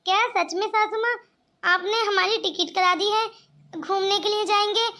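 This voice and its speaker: A woman voicing a gentle young daughter-in-law from a village in a cartoon, talking in an earnest, pleading way. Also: very high-pitched, steady tone, normal speed. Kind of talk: cartoon voice acting.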